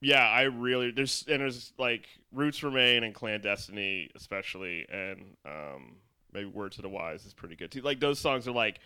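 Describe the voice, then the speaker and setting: Bright, crisp-voiced man chatting casually. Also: lowish voice, expressive, normal speed, no echo, clean studio sound. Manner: rambling, filler-heavy, laughs often. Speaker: podcast co-host. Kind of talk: casual chat.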